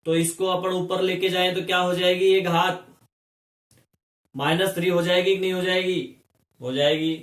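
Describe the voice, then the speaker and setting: A man's voice: high voice, level tone, normal speed, pauses often, fairly bright tone. A male chemistry teacher giving a classroom lesson, explaining step by step and often asking his students questions. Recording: echoey room.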